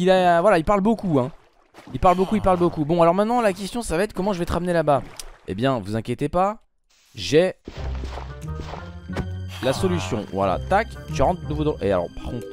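Here a gaming YouTuber narrates a let's play, chatting with viewers and characters alike. His volume jumps from low muttering to sudden shouts.

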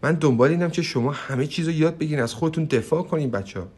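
A young man teaching English online in a livestream. He talks in a brash, hyped way, swears freely, and drops in slow, emphatic English phrases. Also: fairly high pitch, darkish tone, breathy edge. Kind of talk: energetic livestream pitch and Q&A.

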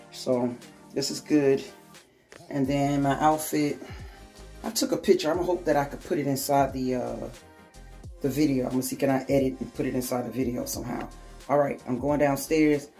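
A woman's voice: low voice, darkish tone. A woman in her forties filming a casual vlog at home on a phone held at arm's length, chatting to the camera as she gets ready. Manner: chatty, self-motivating, talks to the camera while doing chores. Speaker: vlogger. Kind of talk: casual self-filmed vlog. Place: home, bedroom then kitchen.

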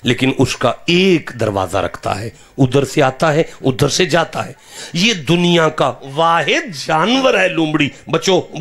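Fervent, high-pitched Pakistani preacher. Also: male voice. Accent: Pakistani Punjabi. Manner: questions the audience and builds to fervent shouting. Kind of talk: impassioned religious sermon. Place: live religious gathering.

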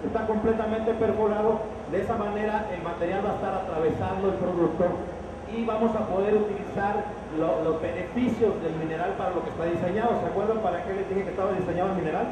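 A middle-aged man with a fairly high voice leads a live sales demonstration, talking into a handheld mic. His words bounce around a big roofed expo hall and reach the camera from far off, with a steady hum of noise behind him. He explains each step and keeps checking that the crowd is following. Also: fast. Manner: explanatory, asks the crowd frequent checking questions. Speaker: product demonstrator. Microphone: handheld microphone.

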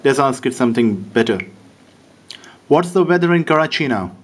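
In a mid-range, animated voice at normal speed, a man with a Pakistani accent walks through a phone app demo, casually chatting and reacting with amusement to its answers.

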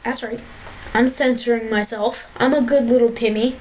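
A woman giving gameplay commentary, excitable and full of trash talk. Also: a little high, normal speed, slight background noise, poor audio. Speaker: gamer.

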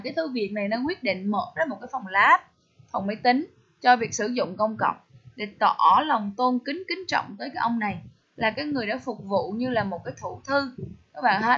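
A woman's voice: a little high, fairly bright tone, breathy edge. A woman teaching English through a test walkthrough, often asking her listeners questions. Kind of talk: TOEIC test walkthrough lesson. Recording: slightly dull lo-fi audio.

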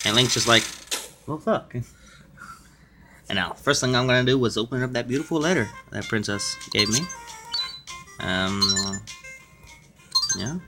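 A man's voice: medium pitch, a little slow, long pauses, over music. A man giving casual, crude, joking commentary while playing a video game, swearing freely. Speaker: let's play gamer.

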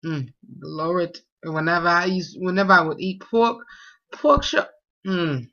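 Captured up close by a webcam, the audio is dull and lo-fi as a young man chats at home in a small room. He reads food questions aloud and answers them, filler-heavy, for his casual tag vlog. His high voice has a sharp tone and a measured pace.

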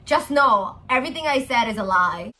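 Bright, giggly young woman vlogging. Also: on the high side, lively intonation, normal speed. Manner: chatty and giggly, lots of "like" fillers; self-mocking and playful. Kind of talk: casual chat vlog. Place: at home indoors.

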